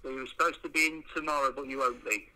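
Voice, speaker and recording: A man's voice: mid-range voice, fairly even intonation, fast talker, bright, forceful tone. A man with an English accent answering a business phone casually, over a noisy, clicky line.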